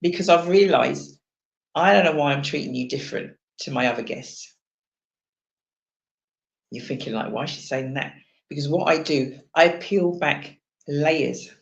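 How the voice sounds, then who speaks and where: A woman's voice: low voice, unhurried, gravelly, reverberant, muffled recording. A woman hosting a chat show, asking questions in a rambling, chatty way with many restarts over a video call. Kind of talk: casual interview chat.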